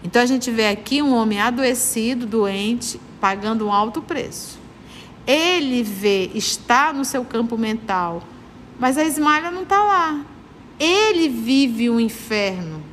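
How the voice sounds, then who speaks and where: Earnest Brazilian study leader from Manaus, high-pitched woman, preaching tone, reverberant room. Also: expressive, measured pace, a bit bright, a little hiss or hum. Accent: Brazilian Portuguese, Manaus. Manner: earnest, moralizing, repeats points for emphasis. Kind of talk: spiritist study lecture.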